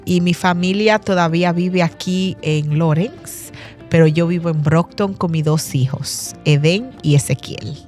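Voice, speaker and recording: A woman's voice: fairly low pitch, unhurried, a little mellow, faint music behind. A young woman from Massachusetts giving an interview, speaking thoughtfully with many fillers and restarts. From Massachusetts, USA. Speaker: guest. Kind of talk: conversational interview.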